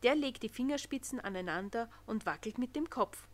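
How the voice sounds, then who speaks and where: A woman narrating a children's Christmas storybook in an expressive, gentle manner. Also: on the high side, brisk. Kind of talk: storybook reading.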